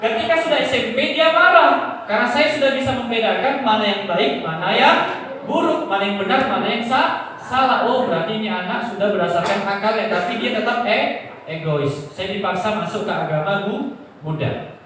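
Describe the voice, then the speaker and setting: Male convert, lively, joking storyteller; roomy hall reverb. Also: sits high, moderate pace. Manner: animated, jokey, often addresses the audience. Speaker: convert giving a testimony. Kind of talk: storytelling talk to a congregation. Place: mosque hall. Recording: echoey hall, distant mic, faint noise.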